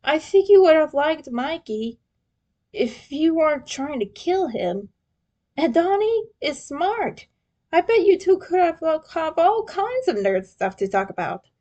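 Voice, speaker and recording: A woman performs a young male turtle hero from a fan story who is wounded yet still teasing. Her voice is high and emotional with big pitch swings and a warm tone, and the character speaks haltingly with a sentimental streak in a wistful mood.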